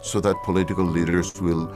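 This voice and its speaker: A man's voice: sits low, flat delivery, brisk. A man speaking earnestly in a promotional video, with small restarts as he thinks. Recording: voice over clear music.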